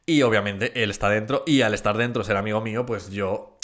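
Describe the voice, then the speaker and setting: A man hosting a podcast in casual chat, growing animated when he gets enthusiastic. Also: on the low side, brisk. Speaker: podcast host.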